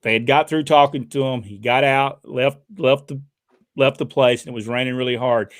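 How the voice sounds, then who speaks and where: A man's voice: medium pitch, fairly even intonation, normal speed, no room sound, studio quality. An older man, hosting a casual talk show, reading out questions and telling folksy stories with many filler sounds. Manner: folksy storytelling with frequent uh fillers. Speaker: podcast host reading viewer questions. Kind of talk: casual chat.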